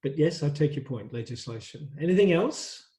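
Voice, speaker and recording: Guy lecturing, lots of ums and restarts, warm dark tone, roomy echo. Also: fairly high pitch, animated, moderate pace. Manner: rambling, thinking aloud with many fillers and restarts. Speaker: university lecturer. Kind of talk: online workshop lecture.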